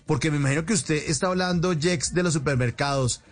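A man's voice: fairly high pitch, quick pace. A man hosting an interview chat who prompts the guest with short questions. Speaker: host.

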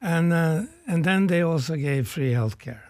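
An older man born in Norway, a retired economics professor, speaking as a radio guest in a reflective, searching way with pauses. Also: on the high side, expressive, darkish tone, no echo, studio quality. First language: Norwegian. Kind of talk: radio conversation.

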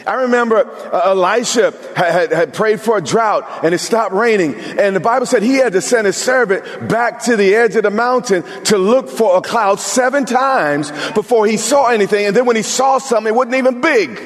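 A man's voice: high-pitched, normal speed, hardly any pauses. Emphatic preacher man, reverberant hall. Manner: emphatic preacher, talks to the congregation, humor asides. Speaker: pastor. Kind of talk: sermon.

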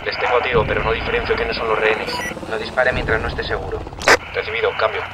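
A man's voice: lowish voice, flat delivery, fast. A man playing a police sniper on the radio. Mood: tense. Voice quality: clipped radio procedure talk. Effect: police radio transmission. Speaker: police sharpshooter. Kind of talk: audio drama reenactment. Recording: distant radio voice under loud noise.

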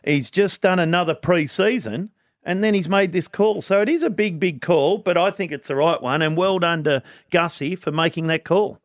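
A man's voice: sits high, moderate pace, no room sound, studio quality. A man with a broad Australian accent hosting sports radio, giving news in a blunt, colloquial way and repeating phrases for emphasis. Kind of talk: sports news report with casual banter.

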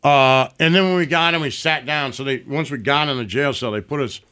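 Bright-voiced man telling stories profanely. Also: medium pitch, a little fast, clean tone. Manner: profane, animated storytelling with acted quotes. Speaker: podcast guest. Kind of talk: casual storytelling chat.

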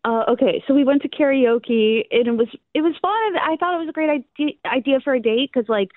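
A woman on a phone call to radio, her voice high and bouncing all over. She tells things in a giggly, gushing way, heard through a tinny, dry phone line. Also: expressive, fairly quick, no room sound. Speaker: caller. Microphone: telephone.

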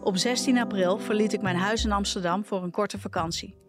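A woman reading a first-person personal story aloud for a podcast, in a calm, measured storytelling manner. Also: medium pitch, over music. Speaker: podcast reader.

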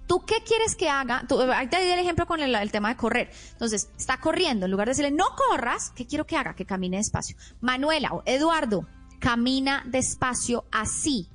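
A woman's voice: sits high, animated, a little fast, soft background music. A woman parenting expert explaining in a teaching manner, acting out example phrases a parent might say. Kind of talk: explanatory podcast talk.

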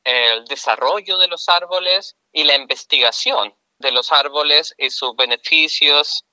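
A middle-aged man with a Chilean accent, a guest answering interview questions in an earnest, explanatory way with pauses mid-phrase. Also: on the high side, bright, forceful tone, dry recording, low-quality recording. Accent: Chilean Spanish.

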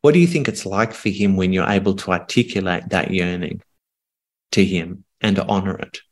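A middle-aged man working as a communication coach, talking calmly and earnestly in reflective phrases with pauses during a podcast coaching conversation. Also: deep voice.

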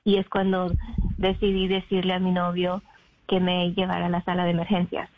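Young adult woman from Mexico, an interview guest on the phone, halting and filler-heavy, with a low, flat delivery. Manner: halting, with many fillers and English words mixed in. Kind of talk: personal account in an interview. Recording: phone line.

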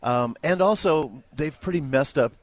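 This is a man with a fairly high-pitched voice reviewing a movie as a film critic. He speaks unhurriedly and conversationally, with an informal, emphatic delivery.

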